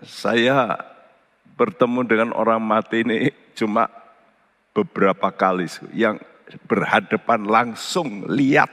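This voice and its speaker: Slow gravelly preacher in a reverberant hall. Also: male voice. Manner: slow, swooping into high animated voices for anecdotes. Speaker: pastor. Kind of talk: sermon.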